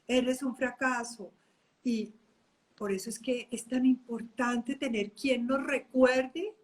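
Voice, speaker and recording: A woman coach talking in a live online chat, her voice pitched a little high. She speaks warmly and with energy, and she often quotes inner voices as she goes. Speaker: life coach.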